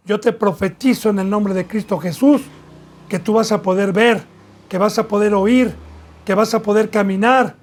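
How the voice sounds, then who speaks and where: A man with a Mexican accent preaching a sermon as pastor, with emphatic, repetitive phrasing that rises in bursts. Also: high-pitched.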